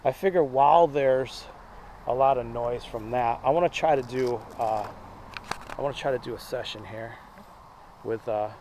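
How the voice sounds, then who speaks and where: A man's voice: normal speed, pauses often, a little mellow. A man hosting a casual night-time paranormal investigation, talking hesitantly and calling out repeated questions. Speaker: ghost hunt investigator and host. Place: small stone cemetery crypt at night. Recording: noisy location sound with vehicle rumble.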